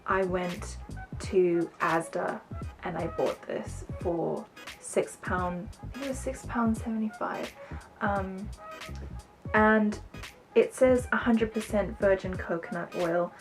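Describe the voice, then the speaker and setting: With soft music behind her, a beauty vlogger talks to camera in an unhurried, mid-range voice, chatty and rambling with self-conscious remarks. Her accent is largely British, lightly flavored by South African and American influences from her UK birth and South African teen years.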